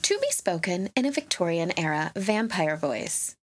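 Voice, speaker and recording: A woman's voice: fairly low pitch, big pitch swings, moderate pace, a little hiss or hum. A woman co-hosting a podcast, reading listener ghost stories aloud in a casual, laughing, foul-mouthed way. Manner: laughs often, swears freely. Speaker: podcast co-host.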